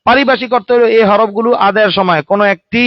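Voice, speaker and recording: A man's voice: sits high, racing, no echo. A man teaching a Quran recitation lesson, calling on students to answer aloud and adding colloquial joking asides. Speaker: religious teacher. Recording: dry, dull lo-fi sound.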